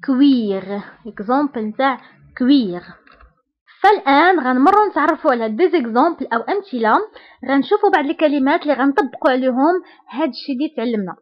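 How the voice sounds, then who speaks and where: A woman with a Moroccan Arabic accent teaching French pronunciation, spelling out vowel pairs and repeating each example word slowly. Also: sits high, expressive, lo-fi sound. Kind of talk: slow explanatory language lesson.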